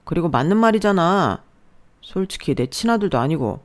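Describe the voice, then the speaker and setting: A domineering husband, read by a woman in a lowish voice. He speaks curtly and dismissively in this storybook story. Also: animated, normal speed, natural voice. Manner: curt, domineering. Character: bossy, dismissive husband, adult man.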